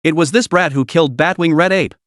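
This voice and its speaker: A man's voice: fairly high pitch, a little fast, fairly bright tone, no echo, studio quality, lightly acted. A man voicing a shocked, hostile weasel demon king in jade armor in a storybook recap. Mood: alarmed.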